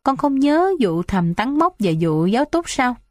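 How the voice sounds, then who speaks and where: Woman reader voicing a high, complaining elderly mother figure, dry close sound. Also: very animated, unhurried, a little mellow, no echo. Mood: coaxing. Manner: shrill, complaining, wailing. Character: scolding old village matriarch, tearful and dramatic.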